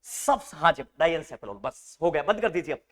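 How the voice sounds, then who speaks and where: A man teaching a live nursing class to a room of students, lively and teasing, mixing English medical terms into his speech. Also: on the high side, normal speed. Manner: animated, teasing, mixes Hindi with English terms.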